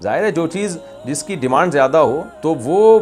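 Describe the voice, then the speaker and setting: A man's voice: a little high, lively intonation, faint music behind. A man with a Pakistani Urdu accent giving an emphatic religious lecture, explaining with repeated examples. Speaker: Islamic preacher. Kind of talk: religious lecture answering a question.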